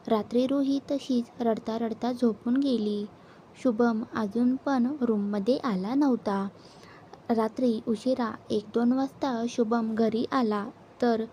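A woman narrating a serial story in a soft, even storytelling manner. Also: a little high, a little hiss or hum.

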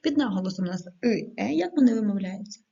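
A woman teacher giving a video lesson to schoolchildren, dictating words slowly and clearly with the odd hesitant filler. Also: mid-range voice, animated, dark tone. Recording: dull lo-fi recording.

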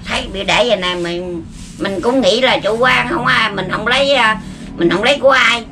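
A woman's voice: a little high, moderate pace, over music. A woman in her seventies with a Southern Vietnamese accent, giving short, plain answers in a casual interview at her makeshift home. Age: 70s. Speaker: lottery ticket seller.

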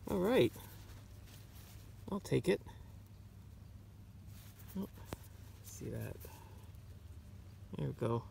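A man from Canada narrating his metal-detecting finds in a forest, in an unhurried, muttering way, recorded outdoors on a camera mic. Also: mid-range voice, very animated, vocal fry, mellow, slight background noise. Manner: muttering, unhurried, talking to himself. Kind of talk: casual outdoor commentary.

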